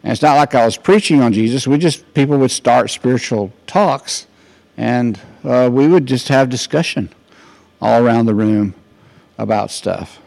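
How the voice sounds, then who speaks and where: An older man preaches in a loose, storytelling way. He often restarts his sentences, and his voice has a gravelly, creaky edge. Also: medium pitch, moderate pace, a little mellow. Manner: rambling, anecdotal, many restarts. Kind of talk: informal sermon.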